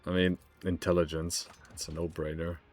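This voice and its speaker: A man's voice: low-pitched, little pitch movement, moderate pace, faint music behind. A man giving casual let's play commentary on a video game, stammering and repeating himself as he thinks aloud. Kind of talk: casual playthrough commentary with text read aloud.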